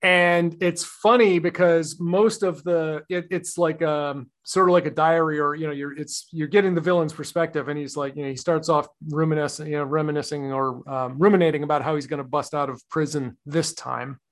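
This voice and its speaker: A man's voice: a little high, steady tone, normal speed, hardly any pauses. Rambling man on a podcast. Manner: rambling, thoughtful, many fillers and restarts. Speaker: podcast co-host. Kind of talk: casual chat.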